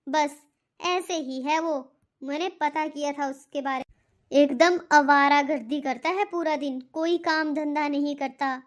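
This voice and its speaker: A woman's voice: high voice, steady tone, measured pace. A woman voicing a strict, stubborn middle-aged father in a cartoon. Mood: insistent. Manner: stern, stubborn, lecturing. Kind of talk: cartoon voice acting.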